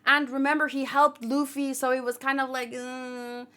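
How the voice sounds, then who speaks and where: A high, pushed, bright voice with a level tone comes from this woman at normal speed. She hosts a manga read-along channel and gives informal, rambling commentary, often doubting herself while thinking aloud.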